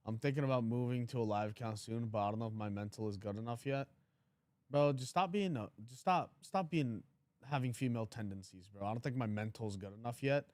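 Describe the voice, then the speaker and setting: A man's voice: mid-range voice, a little fast, darkish tone, no echo. A man in his twenties hosting a trading livestream, talking casually and bluntly, teasing his chat and reading comments aloud. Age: 20s.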